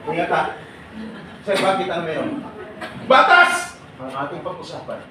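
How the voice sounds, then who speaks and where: A man giving a lively seminar talk to departing workers, fast-talking and joking, often laughing. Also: on the high side. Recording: echoey noisy hall from far off. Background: loud room noise.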